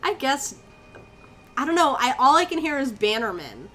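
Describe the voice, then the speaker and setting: Streaming a horror game, this young Connecticut woman talks with chat, jumps at scares and curses freely. Her high, sing-song voice sounds pushed and bright, moving at a normal pace through live gameplay commentary.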